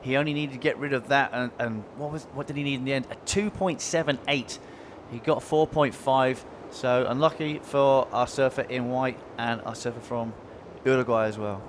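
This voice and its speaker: A man's voice: mid-range voice, steady tone, moderate pace, few pauses, a little hiss or hum. A man giving conversational live surfing analysis in a laid-back, informal way. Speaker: surfing colour commentator.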